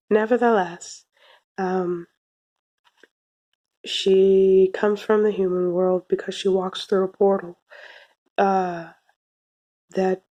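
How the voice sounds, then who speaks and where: Soft-spoken, slightly cracky young woman, slow and even. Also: mid-range voice. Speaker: video reviewer. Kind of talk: casual anime review to camera. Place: small room indoors. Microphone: phone or webcam at arm's length.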